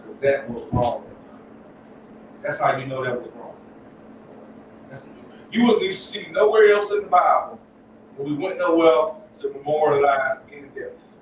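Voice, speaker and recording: A man with a high voice teaches a Bible class in an emphatic, repetitive way and keeps asking rhetorical questions. He is heard from a distance in a very echoey room with faint noise behind him. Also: a little slow, pauses often. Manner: emphatic, repeats points, asks rhetorical questions.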